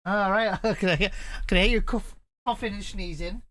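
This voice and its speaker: A man streams a video game live, chatting loosely and reading the on-screen text out haltingly, often correcting himself. His voice is high-pitched and a bit bright, with no echo.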